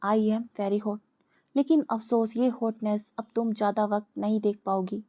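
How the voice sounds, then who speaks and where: A woman's voice: mid-range voice, fairly even intonation, unhurried, mellow, natural voice. Woman voicing an arrogant, cold young man. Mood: scornful. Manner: cool, sarcastic and dismissive.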